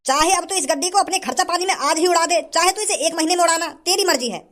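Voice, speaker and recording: A man's voice: extremely high pitch, fast talker. A man playing a generous rich young hero. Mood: lecturing. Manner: forceful, lecturing. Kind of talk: comedy sketch acting.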